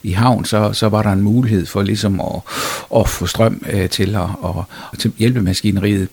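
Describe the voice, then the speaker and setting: A man's voice: lowish voice, fairly even intonation, gravelly, darkish tone, husky. A male historian, answering interview questions hesitantly, with many fillers and restarts. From Denmark. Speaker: historian guest.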